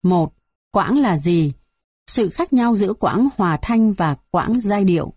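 A warm, mellow female voice of medium pitch, slightly rough, reads a music theory textbook aloud. The delivery stays measured and even as she goes through numbered items. The audio is dry and close, free of room sound.

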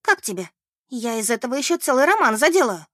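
A woman's voice: high voice, big pitch swings, fast, fairly bright tone, no echo, clean studio sound, pitched above the performer's own voice, heavily acted. A woman voicing a small, plump, dramatic woman of thirty-eight who tells news breathlessly. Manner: breathless, theatrical.

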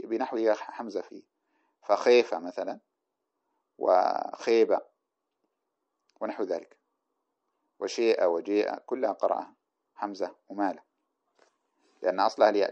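Male teacher, quick explanatory lecture delivery, muffled old recording. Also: on the low side, a little mellow. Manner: brisk, explanatory, reads and comments on the text. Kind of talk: classroom lecture explaining a grammar text. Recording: dull lo-fi recording.

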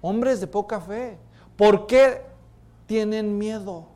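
A calm male teacher gently scolding his followers for their fear, as a preacher puts him on. The voice sits high and moves slowly, quiet and patient rather than harsh. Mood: gentle reproach.

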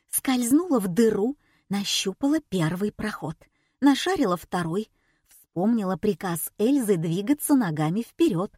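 Woman narrator, wry first-person storytelling, unhurried, dry close mic. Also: medium pitch, darkish tone, dry recording. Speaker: audiobook narrator.

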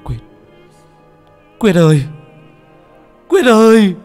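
A desperate young man cries out in a horror audiobook, as a male narrator puts him on. His voice climbs high and strains with anguish, sweeping widely in pitch. Soft music plays underneath. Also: big pitch swings, extremely slow, exaggerated voice. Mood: frantic shouting. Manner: shouting, anguished. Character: young man frantically shouting for drowned friend.

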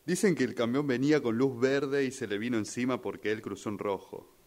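In a rehearsed radio drama, a radio drama workshop participant with an Argentine accent plays a grieving son who is troubled by suspicions over his father's death. His mid-range, slightly mellow voice moves briskly with light acting, sounding uneasy and suspicious as he hesitates and repeats phrases.

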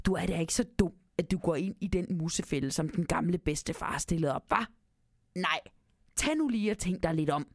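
A woman's voice: on the low side, animated, no room sound, clean studio sound. A woman voicing a clever, bossy male Christmas elf who scolds a mouse, in a storybook reading. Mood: scolding.

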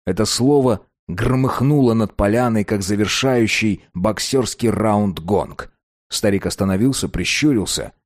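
A man narrating an audiobook in a steady, measured way. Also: on the low side, no echo, clean studio sound.

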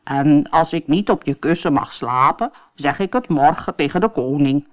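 A woman voicing a gentle, patient male frog in a storybook reading, slow and coaxing. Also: low-pitched, natural voice.

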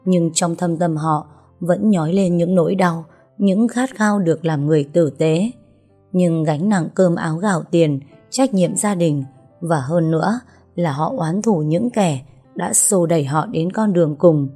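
A woman narrating an audiobook story with a measured, dramatic storytelling manner. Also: lowish voice, slightly rough. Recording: soft music under the reading.

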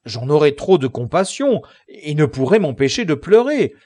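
A man voicing a simple, blunt, loyal squire in an audiobook, excitable and pleading, pitched higher than his narration. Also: normal speed, dry recording. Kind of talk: audiobook character reading.

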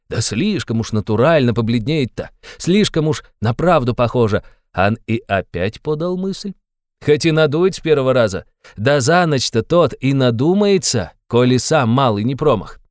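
A man's voice: a little high, darkish tone, no room sound, clean studio sound, lightly acted. A man playing a fawning, sly old-school investigator. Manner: wheedling, fawning, full of sly asides. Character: sly fussy middle-aged male investigator.

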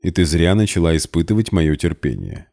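A man's voice: low-pitched, sing-song, vocal fry, dark tone, exaggerated voice. A man voicing a weary wealthy man who speaks coldly and curtly. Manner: cold, curt, measured. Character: cold, weary wealthy man, dry and curt.

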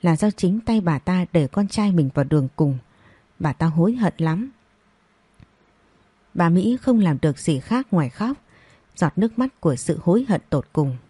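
A woman reading a scripted audio story as narrator, in a steady storytelling manner. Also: fairly low pitch, moderate pace, long pauses, slightly rough, dry recording.

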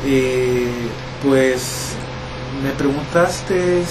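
A middle-aged man from El Salvador, answering interview questions in a reflective, relaxed way with many pauses and fillers. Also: medium pitch, noisy background.

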